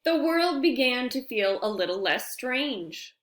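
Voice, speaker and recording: Reading aloud to young children from a picture book, a woman speaks with deliberate, expressive phrasing and friendly asides. Her voice sits high, and it echoes with reverberation.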